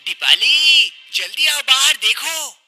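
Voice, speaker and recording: A performer voicing an eager, greedy young village husband in a cartoon, calling out loudly and hurriedly. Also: male voice, extremely high pitch, animated, slow pace, faint music behind, voice pushed up, exaggerated voice. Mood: excited. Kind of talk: cartoon voice acting.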